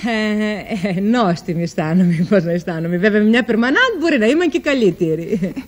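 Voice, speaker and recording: A woman's voice: mid-range voice, lively intonation, close to an everyday voice. An actress playing a naive, cheeky woman who gives punning answers in a TV interview. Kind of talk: sitcom acting.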